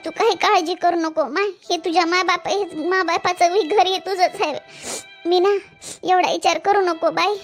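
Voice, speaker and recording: A woman's voice: very high voice, fairly even intonation, moderate pace, soft background music. A woman doing a doting cartoon mother. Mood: coaxing. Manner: coaxing, soothing. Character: loving ailing mother of a grown daughter. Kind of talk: cartoon voice acting.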